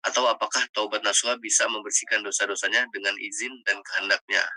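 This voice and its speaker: A man's voice: fairly low pitch, fairly even intonation, fast, pushed and bright, no room sound, low-quality recording. Polite male moderator, dry close sound. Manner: polite, formal address. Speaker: moderator reading questions. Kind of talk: reading out questions.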